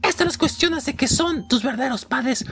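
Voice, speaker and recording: A woman voicing the ghost of a dead nine-year-old boy who speaks low and hushed. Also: lively intonation, fairly quick. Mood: menacing.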